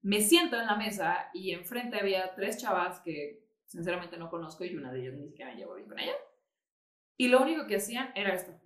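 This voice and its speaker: A woman with a Mexican accent chatting as a podcast co-host, telling anecdotes in a lively, chatty way. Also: lowish voice, brisk, recorded from a distance. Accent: Mexican Spanish. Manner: chatty, laughs often, tells anecdotes. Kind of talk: casual chat. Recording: roomy echo, a bit off-mic.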